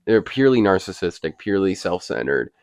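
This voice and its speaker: A man's voice: low-pitched, sing-song, fairly quick, no room sound, studio quality. A man co-hosting a casual movie discussion, earnestly explaining his view at length. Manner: defends his view with analysis. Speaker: co-host.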